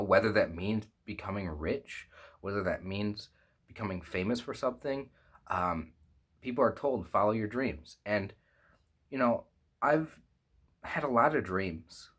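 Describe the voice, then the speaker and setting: A man's voice: on the low side, a bit bright. A man of twenty-five talking candidly to his phone camera in a small foam-lined room, reflective and rambling with plenty of fillers and restarts. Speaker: vlogger. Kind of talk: candid personal vlog. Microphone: phone camera at close range.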